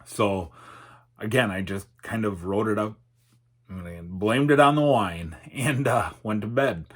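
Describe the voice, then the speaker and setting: A middle-aged man with a lowish, husky voice talks in a candid, unscripted way. He pauses and feels for his words reflectively, and his articulation is slightly off from numbness on one side of his face. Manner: halting, reflective, hesitant. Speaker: YouTuber and podcaster. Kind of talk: candid personal vlog, unscripted.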